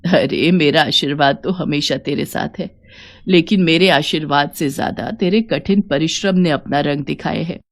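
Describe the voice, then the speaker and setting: Woman plays a gentle elderly mother-in-law in a cartoon story, slow and soft-spoken. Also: low-pitched, voice pushed down. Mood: tender.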